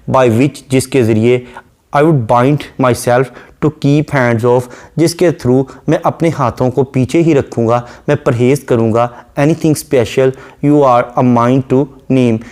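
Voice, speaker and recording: A man lecturing on a poem, reading each English line slowly and then explaining it at length. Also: mid-range voice, a little mellow. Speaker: literature lecturer.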